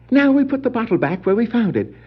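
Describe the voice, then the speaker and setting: An actor playing a gleeful, scheming clown villain with cackling laughter in a theatrical, gloating manner, in the style of a 1960s superhero record. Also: male voice, exaggerated voice. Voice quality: high, cackling laughter and whoops. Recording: dull 1960s vinyl record dramatization.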